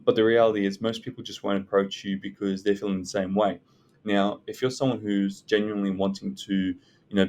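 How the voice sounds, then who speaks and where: A man giving unscripted self-development advice as a content creator, speaking in a hesitant, halting way with pauses. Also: lowish voice, darkish tone. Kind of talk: unscripted advice talk to viewers. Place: indoors in a library.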